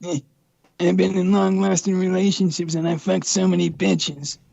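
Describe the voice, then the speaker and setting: A man's voice: flat delivery, moderate pace, vocal fry, a little mellow, highs cut off. A man talking through a voice changer on a call, boastful and defiant in mocking banter. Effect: voice changer, altered pitch.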